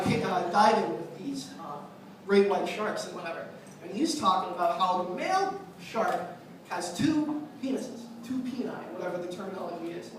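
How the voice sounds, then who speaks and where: A man doing a stand-up comedy set, talking casually and self-deprecatingly with halting fillers. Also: high voice. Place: small comedy club. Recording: echoey club heard from the mic at a distance, faint crowd noise.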